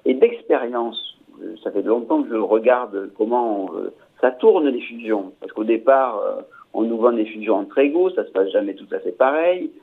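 A man commenting in a radio discussion, his voice husky and slightly breathy. He comes through a narrow, tinny telephone line and talks in a halting way, repeating words and filling pauses. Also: medium pitch, animated. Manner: hesitant, repeats words, many fillers.

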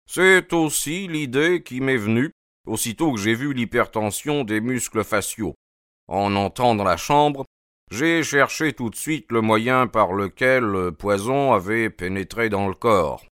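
A man voicing a cool, sharp-minded detective who speaks calmly and precisely with dry irony. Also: medium pitch, a little slow, dry recording, close to an everyday voice. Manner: calm, precise, dryly ironic.

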